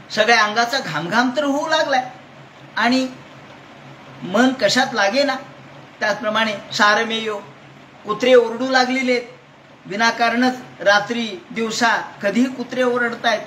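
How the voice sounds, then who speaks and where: A man's voice: high-pitched, pushed and bright. A man giving a devotional scripture discourse, chanting verses and then explaining them while he asks his listeners questions. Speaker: Bhagavata discourse speaker. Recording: echoey hall with faint noise.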